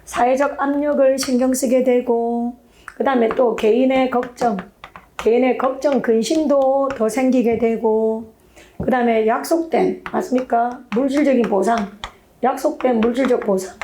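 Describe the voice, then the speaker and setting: A woman's voice: fairly high pitch, steady tone, moderate pace, dark tone, slight background noise. A woman English exam instructor, lecturing emphatically and checking in with rhetorical questions. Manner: emphatic, peppers talk with rhetorical check-ins. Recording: echoey room.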